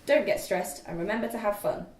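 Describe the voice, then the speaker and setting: A young woman serves as narrator at a group table read, reading the screenplay's directions aloud. Her mid-range voice is expressive, fairly quick and darkish in tone. The recording sounds distant and echoey, with faint noise.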